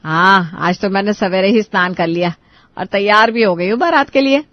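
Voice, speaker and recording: A woman's voice: medium pitch, normal speed, no echo, dull audio, close to an everyday voice. A woman voicing a fussy, dramatic middle-aged mother of the groom in a cartoon story. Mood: fretful. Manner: dramatic, complaining.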